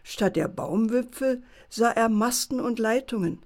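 A woman calmly reading a children's bedtime story aloud. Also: fairly high pitch, a little slow.

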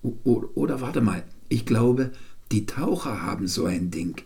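A man's voice: medium pitch, animated, a little slow, vocal fry, a little mellow, slightly rough, exaggerated voice. A man voicing a boastful, know-it-all older brother in a bedtime story reading. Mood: explaining.

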